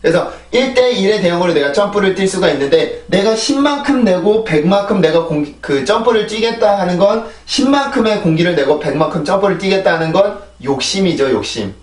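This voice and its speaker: A man's voice: high voice, lively intonation, fairly quick, few pauses, far from the mic. A man teaching English pronunciation in an online lesson, explaining patiently and drilling words aloud, often checking with "right?". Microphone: camera-mounted shotgun mic on a phone. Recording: echoey room, voice a bit off-mic.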